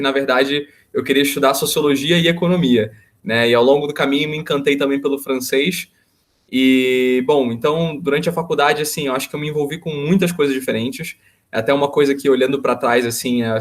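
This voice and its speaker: A university student in his early twenties, from Rio de Janeiro's West Zone, appears as an interview guest and tells a personal story in a loose, rambling, casual manner. He has a medium-pitched voice and a Rio de Janeiro Brazilian Portuguese accent, captured in a dry recording.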